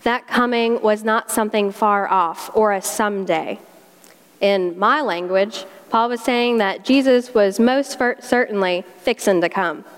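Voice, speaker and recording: Using homey Southern sayings, a South Carolina woman delivers a sermon with a folksy, talk-to-you feel. Her mid-range voice is smooth and unhurried, carried by a long hall reverb.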